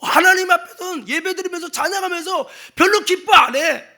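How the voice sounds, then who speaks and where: A male pastor giving a Sunday sermon in a church, emphatic and dramatic, acting out quotes and sometimes shouting. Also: very high voice, fairly quick. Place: church sanctuary.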